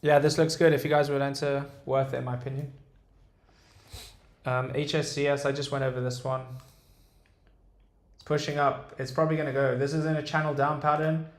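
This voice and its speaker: A young day trader with a British accent, based in Dubai, walks through stock charts on a casual livestream and answers chat, full of ums and restarts. His voice sits on the high side with a level tone, running a little fast and pausing often. A roomy echo fills the recording.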